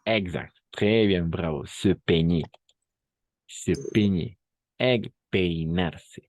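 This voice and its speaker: A man teaching a language class in an unhurried, methodical way. His voice sits very low, and he repeats words and asks whether everyone follows. The sound is dry and close. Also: a little mellow, dry recording. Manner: patient, repeats each phrase, often checks understanding. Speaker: French teacher. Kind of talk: bilingual language lesson.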